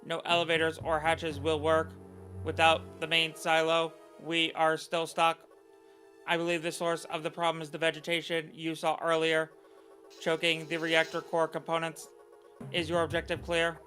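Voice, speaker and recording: A man reading a game's computer AI lines in a flat, robotic monotone, avoiding contractions, over game music. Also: on the high side, normal speed. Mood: flat, formal. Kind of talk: reading game dialogue aloud on stream.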